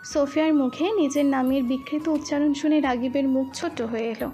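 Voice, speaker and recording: A woman narrating a romantic story with an expressive, flowing delivery. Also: sits high, a little fast, soft background music. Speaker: voice artist, storyteller.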